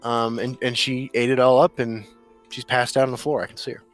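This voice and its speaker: A man's voice: mid-range voice, little pitch movement, fairly quick, soft background music. A man co-hosting a gaming podcast in loose casual chat, laughing often and swearing freely. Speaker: podcast co-host.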